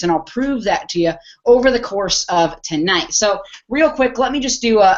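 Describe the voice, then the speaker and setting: A man in his twenties, an internet marketer giving an eager sales pitch on a webinar, often restarting his phrases. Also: highs cut off. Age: 20s.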